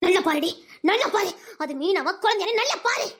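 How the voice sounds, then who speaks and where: A woman's voice: extremely high pitch, lively intonation, a little fast, a bit bright. A woman voicing an exasperated village mother who scolds bluntly, with a Tirunelveli Tamil accent. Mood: scolding. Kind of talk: Tamil serial drama dialogue.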